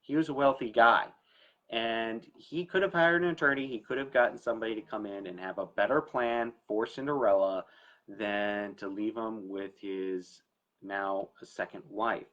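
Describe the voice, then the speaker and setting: This muffled clip features an estate planning attorney hosting a story time talk, his voice on the low side and a bit bright at normal speed. He gives an informal educational talk to camera, conversational and explanatory, with emphasis.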